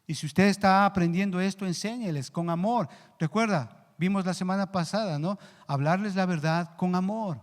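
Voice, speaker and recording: A male pastor preaching a sermon earnestly, rising in pitch and volume for emphasis and slowing down on key words. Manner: slows down to stress key words. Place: church hall. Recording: long church reverb.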